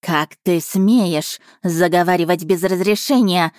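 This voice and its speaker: A woman's voice: on the low side, a little slow, darkish tone, no echo, clean studio sound, close to an everyday voice. A woman voicing an indignant, haughty she-wolf noblewoman who growls her threats. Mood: menacing.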